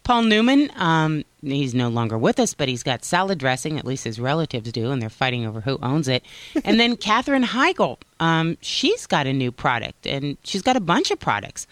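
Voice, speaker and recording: A man on a pet radio show who teases an upcoming news segment in a gossipy, lively way. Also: on the high side, moderate pace, no room sound. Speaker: radio co-host.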